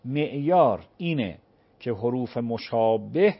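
A man answering viewers' religious questions on a call-in program, explaining patiently and slowly acting out prayer recitations. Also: mid-range voice, expressive, muffled recording.

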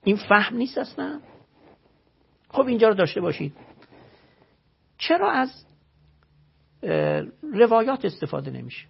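A man's voice: high-pitched, sing-song, creaky, slightly rough, dull audio. A man, a religious scholar, giving an emphatic explanatory talk full of rhetorical questions and recited scripture, heard on a radio broadcast.

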